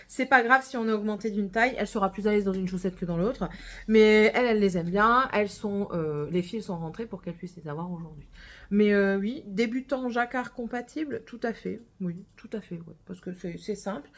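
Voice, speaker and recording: A woman with a northern French accent tinged by Gironde, chatting casually to camera about her knitting, rambling with many hesitations. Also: medium pitch. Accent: northern French with a touch of Gironde. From northern France. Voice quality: rambling, full of hesitations and self-corrections. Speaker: knitting podcaster.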